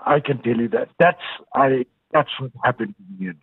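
A Bangladeshi man in his sixties, executive director of a nonprofit, calls in remotely as a guest for a casual phone interview. His mid-range voice is animated and a little breathy, moving at a moderate pace as he speaks earnestly in a Bangladeshi accent, often restarting hesitantly. The recording is dry and comes through a tinny phone line.

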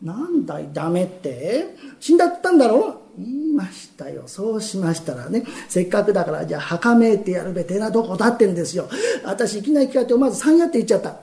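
A man's voice: high-pitched, very animated, fast, vocal fry, mellow, echoey room, pitched below the performer's own voice, exaggerated voice. A man in a rakugo telling voicing a brusque young courtesan who scolds in a curt, dismissive way. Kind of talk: rakugo storytelling.

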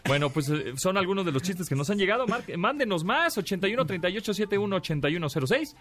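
A man's voice: high-pitched, big pitch swings, fast, fairly bright tone, soft background music. A man with a Mexican accent hosting a radio show, reading listener jokes in a casual chat and laughing often. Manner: laughs often, many fillers. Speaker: radio host.

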